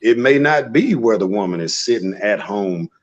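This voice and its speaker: A man's voice: on the low side, expressive, moderate pace. A man speaking as a podcast guest, giving firm, preachy opinions and acting out short scenes to make his point. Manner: preachy, emphatic, tells short acted-out scenes. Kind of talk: opinionated conversational commentary. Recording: dull lo-fi podcast audio.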